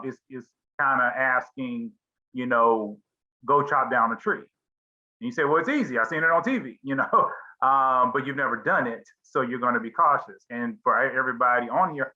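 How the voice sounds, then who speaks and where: Rambling man hosting a video call. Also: medium pitch. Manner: rambling, many fillers and restarts. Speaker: host of a singles group video call. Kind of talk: casual group discussion. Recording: slightly dull lo-fi call audio.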